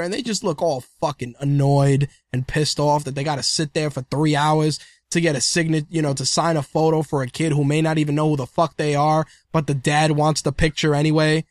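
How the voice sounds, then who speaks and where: A man's voice: fairly high pitch, no room sound, clean studio sound. A man co-hosting a radio-style talk show, rambling casually, acting out quoted voices and laughing often. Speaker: podcast co-host. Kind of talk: casual wrestling chat.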